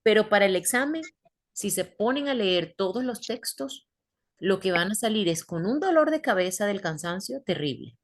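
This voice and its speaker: A woman's voice: mid-range voice, lively intonation, normal speed. Patient woman teacher explaining step by step. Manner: patient, explains step by step, asks the class questions. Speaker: English teacher. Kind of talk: online class teaching.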